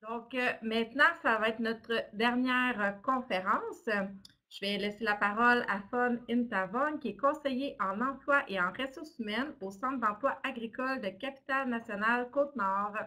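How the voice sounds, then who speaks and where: A woman's voice: fairly high pitch, moderate pace, sharp tone. A woman moderating a webinar over a video call, politely relaying questions and introducing speakers, with some fillers.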